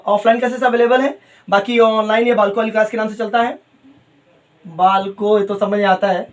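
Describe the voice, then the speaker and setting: A man with a rather high voice teaches chemistry to coaching students, affectionately calling them "beta." He stretches out important terms syllable by syllable so they can write them down, slipping English phrases into his speech.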